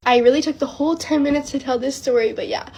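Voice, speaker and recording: A young woman telling a storytime tale in a casual, animated way, with lots of "like". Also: sits high, fast talker, slight background noise.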